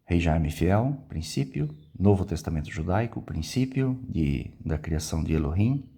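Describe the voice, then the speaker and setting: A man's voice: sits low, expressive, measured pace, vocal fry, mellow, slightly rough. A Brazilian man with a Brazilian Portuguese accent, giving an informal Bible lesson and often checking in with his listeners. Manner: conversational, frequent tag questions. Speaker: Bible teacher.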